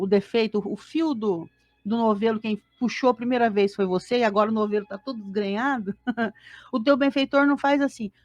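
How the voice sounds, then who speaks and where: A woman's voice: medium pitch, a little mellow, no room sound. A Brazilian woman co-hosting a spiritist study, talking animatedly and acting out little scenes. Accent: Brazilian Portuguese. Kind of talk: casual religious study talk. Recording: dull lo-fi dry sound.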